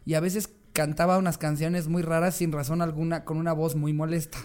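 A man's voice: a little high, flat delivery, fairly quick. A man co-hosting a casual podcast, reading out stories and acting out the quotes. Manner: crude slang, laughs often, acts out quotes in loud voices. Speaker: podcast co-host.

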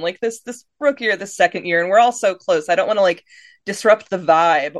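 A woman's voice: on the low side, no echo. A woman hosting a podcast, asking long, thoughtful questions in a casual way. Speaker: podcast host.

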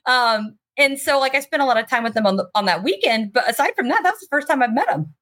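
A woman chatting informally as a podcast guest, telling stories in an animated, chatty way and swearing freely. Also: high-pitched, a little fast. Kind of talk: casual chat, animated storytelling.

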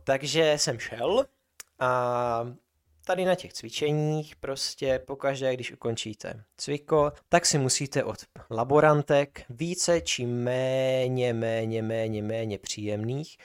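A young man co-hosting a podcast, telling an annoyed story in casual chat. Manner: animated storytelling, mimics others in high voice. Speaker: podcast co-host. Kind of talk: casual ranting anecdote.

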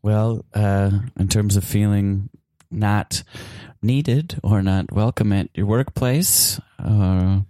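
A man's voice: fairly low pitch, slow pace, few pauses, mellow, no echo. A man playing a self-absorbed fired aquarium salesman, huffily rambling through his grievances in improvised comedy. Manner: huffy, rambling monologue.

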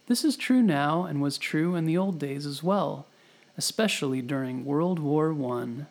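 A man narrating a scripted history story for children, gently and clearly explaining as he speaks to the listener, as a storytelling host. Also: a little high, measured pace. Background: background music.

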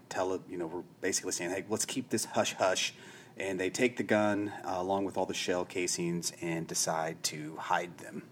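Deep voiced guy recapping a show, rambly, says you know a lot, little bit of hiss. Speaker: podcast host. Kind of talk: casual TV episode recap.

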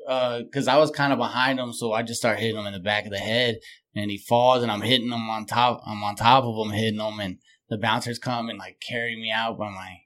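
A man's voice: lowish voice, fairly even intonation, fairly quick, fairly bright tone. A man in his late thirties telling stories in a laid-back, casual podcast chat, laughing often. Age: 30s. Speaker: podcast regular.

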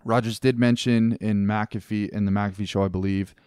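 A man with a low, smooth, resonant voice, co-hosting a casual sports podcast. He breaks in with quick, animated exclamations. The recording is dry and close. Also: dry recording. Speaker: podcast co-host.

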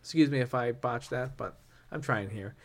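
A man co-hosting a casual podcast, rambling and animated, breaking into nervous laughs as he reads aloud. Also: mid-range voice, normal speed. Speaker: podcast co-host.

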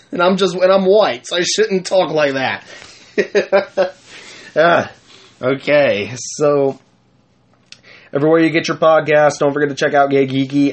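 A young man hosting his own podcast, rambling casually through an outro with frequent giggles and self-corrections into a home mic. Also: a little high. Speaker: podcast host.

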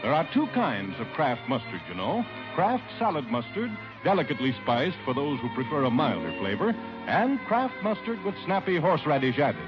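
A fairly high-voiced man pitching a product in a lively, persuasive 1940s ad read. The sound is dull and lo-fi, like an old broadcast disc, with music clearly underneath. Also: normal speed. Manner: bright, persuasive sales delivery. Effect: old broadcast transcription disc. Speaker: commercial announcer. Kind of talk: 1940s radio commercial.

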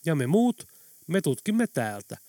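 Man doing icy menacing professor boss, higher pitched and pushy, dry close sound. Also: sing-song, mellow, no room sound. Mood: mock-friendly. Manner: icy, commanding. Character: cold menacing male professor leading gunmen.

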